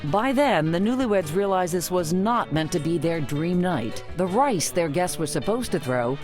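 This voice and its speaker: Low-voiced woman narrating over music. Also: lively intonation, moderate pace. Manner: dramatic, storytelling delivery. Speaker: segment narrator. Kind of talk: scripted narration. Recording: music bed under narration.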